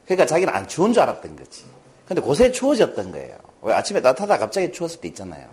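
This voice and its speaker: This lecturer has a fairly high voice and races along, weaving stories into his talk to an audience and performing the quoted characters with lively energy.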